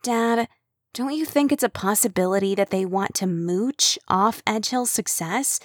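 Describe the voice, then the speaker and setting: A woman's voice: mid-range voice, moderate pace, no echo, lightly acted. A woman voicing the mayor's earnest young adult daughter, who pleads her point.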